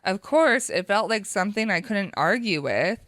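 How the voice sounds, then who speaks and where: An American woman reading breakup stories aloud on a talk show and reacting with animated laughs. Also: medium pitch, normal speed, dry recording, clean studio sound.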